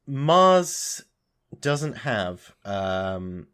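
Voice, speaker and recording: A man's voice: lowish voice, sing-song, drawn-out words, fairly bright tone, clean tone. A young man co-hosting a casual podcast, thinking aloud with many restarts as he explains science news. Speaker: podcast co-host. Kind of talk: casual chat.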